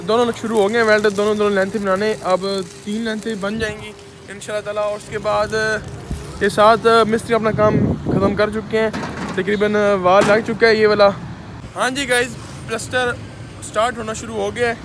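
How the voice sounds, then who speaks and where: This casual walkthrough vlog comes from a young Pakistani man on a rooftop building site, speaking Punjabi-accented Urdu. His high voice stays level and moves a bit fast, recorded noisily outdoors on a phone held out at arm's length.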